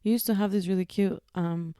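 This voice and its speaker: A woman's voice: mid-range voice, fairly even intonation, fairly quick, dark tone, no room sound, studio quality. A woman in her thirties from Ecuador, co-hosting a casual podcast chat, rambling with lots of "like" and restarts. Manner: chatty, lots of likes and restarts. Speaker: podcast co-host.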